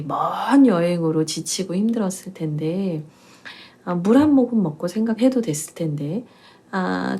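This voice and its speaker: Female pastor, conversational Bible teaching, playful tone, breathy timbre. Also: mid-range voice, dark tone. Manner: chatty, playful, with laughs and quiz-like questions. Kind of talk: casual Bible teaching talk.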